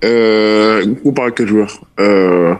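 A teenage basketball player, talking casually in an interview, laid-back and slangy with many fillers. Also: male voice, on the low side, fairly even intonation, slow. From France. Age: teens. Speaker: young basketball player guest.

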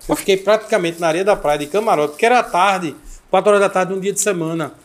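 A man hosting a casual chat, reminiscing in a chatty, talkative way. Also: high voice. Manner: chatty, reminiscing, quick back-and-forth. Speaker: host.

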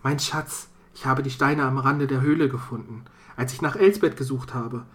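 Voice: medium pitch, normal speed, close to an everyday voice. A narrator voicing a young man with a guilty conscience, coaxing and stammering to his sweetheart.

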